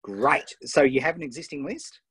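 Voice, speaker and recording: Husky Australian man coaching eagerly. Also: mid-range voice, animated, fairly bright tone, no echo. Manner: enthusiastic, quick-fire questions. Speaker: host and coach. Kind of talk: live online coaching session.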